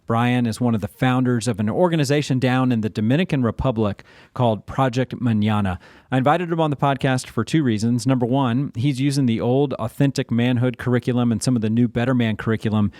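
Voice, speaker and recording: A man's voice: medium pitch, brisk, a little mellow, no echo, clean studio sound. Friendly male podcast host. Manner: friendly, conversational, encouraging. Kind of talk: podcast interview.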